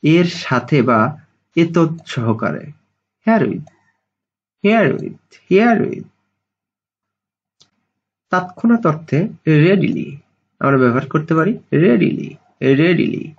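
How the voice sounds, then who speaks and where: A male English vocabulary teacher with a Bengali accent, giving a slow voice-over lesson and repeating each English word several times to stress how it is pronounced. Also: fairly high pitch, big pitch swings, slightly rough, highs cut off.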